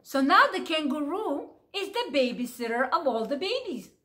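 A woman teacher reading a story aloud to young children, animated and asking them questions as she goes. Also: high-pitched, normal speed.

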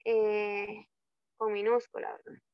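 Slow-spoken woman tutor on a call. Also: medium pitch, flat delivery, no room sound, highs cut off. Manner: slow, drawn-out example words, frequent checking "¿ok?". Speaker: English tutor. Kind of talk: online class explaining grammar in Spanish. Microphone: video call.

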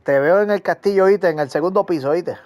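High-voiced man in excited gaming banter. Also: brisk. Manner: teasing banter that bursts into excited shouting. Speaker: gamer playing online with a friend. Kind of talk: casual gaming chat.

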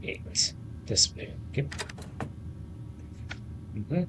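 In a noisy setting, a man in his thirties talks extremely slowly while playing a video game, his commentary casual and rambling. He hosts gaming videos, and faint game music and game audio sit in the background.

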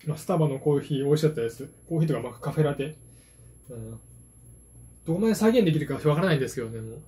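A man's voice: fairly high pitch, animated, rapid-fire, mellow, husky. A man in his forties from Japan chatting casually and rambling to the camera, with self-deprecating, hesitant asides. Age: 40s. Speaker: vlogger, card game hobbyist. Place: small dim room at home, indoors. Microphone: phone propped at arm's length.

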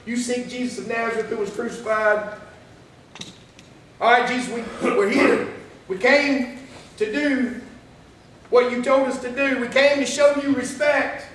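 High-voiced pastor in an echoing hall. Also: male voice, fairly even intonation, measured pace, pauses often, a bit bright. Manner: conversational, with frequent "right?" and "here's the thing". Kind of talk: sermon. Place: church. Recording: echoey hall, distant mic.

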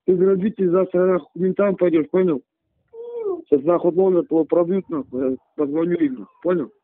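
A man's voice: high-pitched, steady tone, brisk, no room sound. A man heard over a phone line, angry and swearing as he threatens a prank caller. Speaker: prank call target. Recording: tinny dry phone line.

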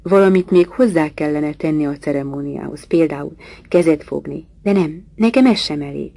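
A woman reading the part of a brusque, teasing wealthy middle-aged English gentleman in an audiobook, gruff and bantering. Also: deep voice. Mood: wistful.

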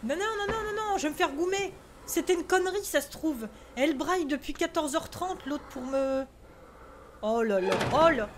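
Playing a horror game on stream, this young French woman startles easily, swears, and talks to herself when scared. She speaks at an ordinary speed in a high, expressive voice, with a little background noise. The clip is let's-play commentary.

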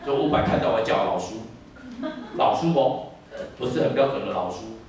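A man in his fifties from Taiwan with a Taiwanese Mandarin accent, preaching an animated sermon and telling stories that slip into Taiwanese. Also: on the low side, moderate pace. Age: 50s. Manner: animated, switches into Taiwanese, sings snatches. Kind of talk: sermon with storytelling and singing. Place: church hall. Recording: echoey hall, mic from a distance.

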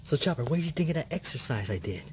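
A young man chatting casually to camera outdoors, talking haltingly and often repeating his phrases. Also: a little high, sing-song. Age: young adult. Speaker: vlogger. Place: outdoors on porch and yard. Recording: noisy outdoor camera audio.

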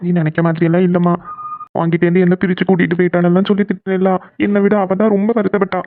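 An actor voicing a young husband and emotional son in an animated family cartoon, who teases and then pleads. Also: medium pitch, racing, dry recording, close to an everyday voice. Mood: pleading. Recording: dry, phone-like narrow sound.

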